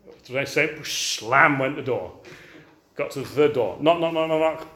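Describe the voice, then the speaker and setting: This is a sermon from an older man from England, spoken at a moderate pace in a voice on the high side. He stays lively throughout, often turning to the audience with rhetorical questions.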